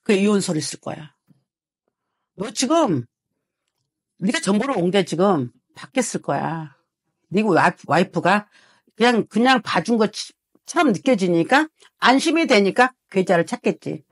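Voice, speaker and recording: Woman fortune teller, scolding and swearing, animated swings in pitch, dry room. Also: measured pace, pauses often, slightly rough, dry recording. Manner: harsh scolding with swearing and repeated rhetorical prods. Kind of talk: heated consultation with a client.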